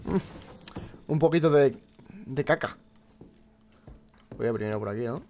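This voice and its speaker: Playing a horror game on stream, a young Spaniard offers relaxed live commentary to his audience, cursing often along the way. He speaks at a medium pitch and an unhurried pace, and the lo-fi recording carries a slight hiss or hum.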